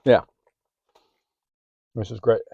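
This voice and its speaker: A food vlogger with a slow, warm voice chats casually as he eats, sometimes with his mouth full, while filming one-handed in a parked car. The audio, captured on a handheld phone or camera, is muffled with no room sound.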